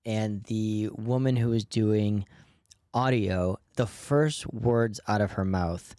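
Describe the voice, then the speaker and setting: A man, a stand-up comedian co-hosting a podcast, chatting casually and telling animated stories with frequent laughs. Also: lowish voice, slow, clear, resonant tone, no room sound, studio quality. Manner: animated storytelling, laughs often. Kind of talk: casual chat.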